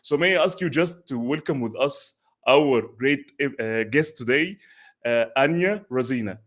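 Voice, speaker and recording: A male host opening and running an online interview show. His speech is effusive, yet halting and full of fillers. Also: mid-range voice, lively intonation, fairly bright tone.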